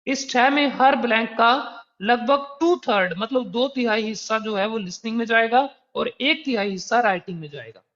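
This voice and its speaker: A man's voice: very high voice, expressive, moderate pace, few pauses, fairly bright tone. Patient male language teacher, dull lo-fi sound. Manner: patient, explanatory, conversational teaching with examples. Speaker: exam prep teacher. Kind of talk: recorded online lesson. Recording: dull, slightly lo-fi recording.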